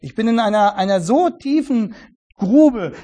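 A man preaching a sermon earnestly, swinging between emphatic stress and hushed softness, often repeating words. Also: high-pitched, animated, a little slow. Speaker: pastor.

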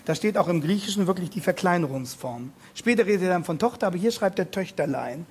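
A man preaching a sermon on a Bible passage, speaking emphatically, slowing down and repeating key words, and addressing his listeners directly with questions. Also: high-pitched, expressive, slightly rough.

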